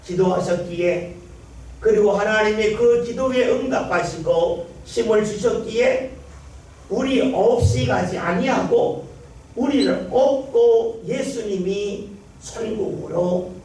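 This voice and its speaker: High-voiced man preaching in an echoing hall. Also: slow, darkish tone. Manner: emphatic, with rhetorical questions. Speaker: pastor. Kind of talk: Sunday sermon. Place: large church sanctuary. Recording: very echoey hall, mic far off.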